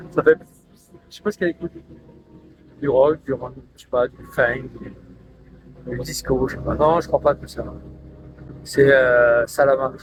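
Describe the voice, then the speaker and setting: A man's voice: medium pitch, fairly even intonation, unhurried, pauses often, background noise. A man chatting loosely to his live stream viewers on a headset, rambling and laughing often.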